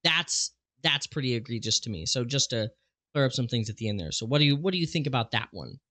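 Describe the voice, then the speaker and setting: A man hosting an online talk show, explaining things in a loose, conversational way with plenty of "um"s and restarts. His voice is bright and forward, recorded dry and close with no room sound. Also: medium pitch, lively intonation, fast, no room sound. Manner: conversational, frequent fillers and restarts. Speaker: host. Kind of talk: casual commentary on a presentation.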